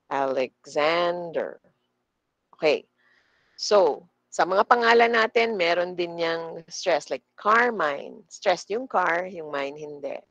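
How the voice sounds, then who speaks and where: A woman trainer with a Filipino accent leads a pronunciation lesson, pausing to model sentences for the class. Her voice sits low with a gravelly edge. She talks slowly, and the sound is dry and close. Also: no echo, dull audio. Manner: slow, deliberate, models pronunciation for the class to repeat. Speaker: corporate trainer. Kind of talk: speaking lesson.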